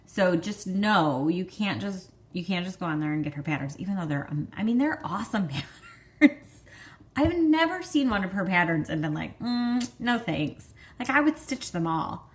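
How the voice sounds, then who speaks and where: A woman's voice: fairly low pitch, sing-song, normal speed. A young woman co-hosting a stitching show, chatting casually, a little apologetic and laughing often. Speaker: show co-host. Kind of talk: casual chat.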